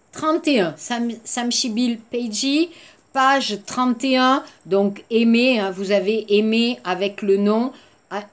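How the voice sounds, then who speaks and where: Woman teaching french slowly, slightly high voice, repeats stuff and adds korean words. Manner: slow, repeats words, mixes in Korean glosses. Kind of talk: language lesson for Korean learners.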